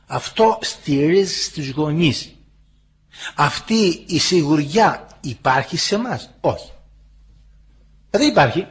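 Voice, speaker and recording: A man's voice: fairly high pitch, animated, pauses often, breathy edge. A man from Greece giving a sermon to listeners, talking in a homely, storytelling way and acting out quoted voices. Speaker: preacher.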